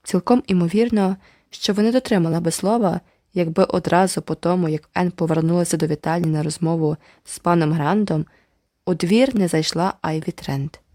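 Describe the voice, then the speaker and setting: Low-voiced woman narrating an audiobook. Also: mellow, dry recording, studio quality. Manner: measured storytelling. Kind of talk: scripted narration.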